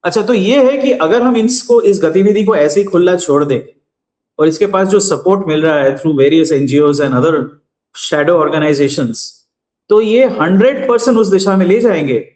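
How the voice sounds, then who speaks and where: A high-voiced man, appearing as a guest commentator, explains his political argument as if giving a lecture. He stays measured and steady, with small hesitations, and his voice rings through a roomy, echoey space.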